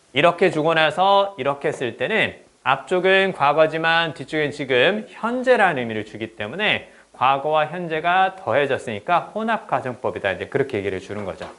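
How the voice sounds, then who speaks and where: Lively man giving a grammar lecture. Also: on the high side. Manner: lively, repeats "그쵸?" to check understanding; reads English examples slowly and stressed. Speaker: English teacher. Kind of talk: exam-prep grammar lecture.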